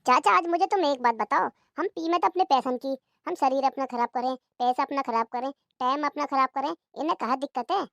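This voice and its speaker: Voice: high-pitched, fairly quick, gravelly, few pauses, fairly bright tone. A performer voicing a middle-aged village drunk man who grumbles and curses. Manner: grumbling, curses a lot in dialect. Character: rough-talking village drunk man, middle-aged, always craving liquor.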